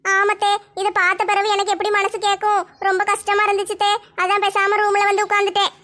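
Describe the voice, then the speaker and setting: A woman's voice: very high voice, monotone, a little fast, bright, forceful tone. A woman playing a heartbroken young wife. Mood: plaintive.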